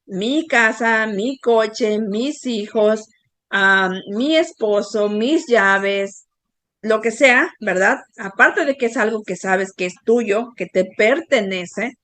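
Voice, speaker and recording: Woman speaker with a fairly high voice, dry close sound, patient explainer who keeps asking for agreement. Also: fairly bright tone, dry recording. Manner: explanatory, asks the audience for agreement; uses diminutives. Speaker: speaker giving a talk. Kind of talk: motivational talk.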